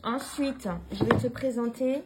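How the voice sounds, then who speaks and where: A woman with a slightly high, steady voice speaks a little slowly over loud music in a rough recording. She's a tarot reader presenting books in a casual vlog, talking to viewers hesitantly with many fillers and restarts, frank, informal, and mildly swearing.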